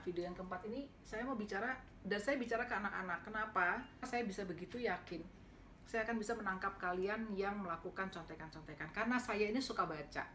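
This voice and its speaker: A middle-aged woman lecturer, telling a story to her students in a casual, animated way and acting out the dialogue with sudden pitch jumps. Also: a little hiss or hum. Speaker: university lecturer.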